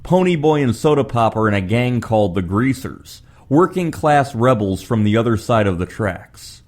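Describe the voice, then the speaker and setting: A man's voice: mid-range voice, animated, moderate pace, darkish tone. A man narrates a film review from a script. His voice sits in the middle of the male range as he lays out the story in summary.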